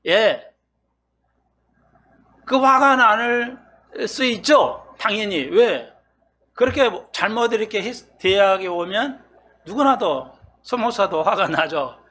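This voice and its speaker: A man's voice: high-pitched, lively intonation, slow pace, long pauses, pushed and bright. A male pastor preaching an expository sermon in a conversational way, often asking his congregation questions and playing out their replies.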